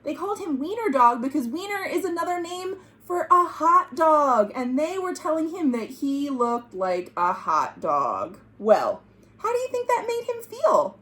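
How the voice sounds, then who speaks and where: An American woman leads a children's storytime, reading with expression and stopping to explain words and quiz her listeners. Her high voice is very animated and fairly bright in tone.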